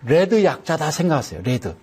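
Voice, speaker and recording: A man's voice: a little high, sing-song, fairly quick, a little mellow, breathy edge. A man giving a chatty broadcast lesson on stock chart settings, repeating each step and slipping in folksy jokes.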